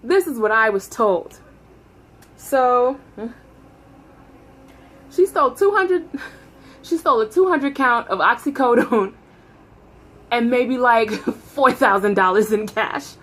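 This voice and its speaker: A woman telling a casual, gossipy storytime into her phone, animated, with dramatic emphasis and acted-out dialogue. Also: a little high, takes it slowly, pauses often. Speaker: vlogger telling a personal story.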